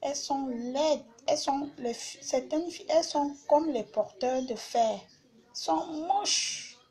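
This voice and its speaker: A woman's voice: high-pitched, measured pace, darkish tone. A woman hosting a live stream, talking casually and bluntly, repeating herself as she insults her critics.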